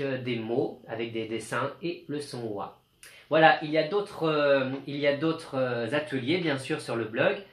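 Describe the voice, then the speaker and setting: A male teacher giving a slow, clear home lesson to young children, speaking patiently. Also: mid-range voice, roomy sound.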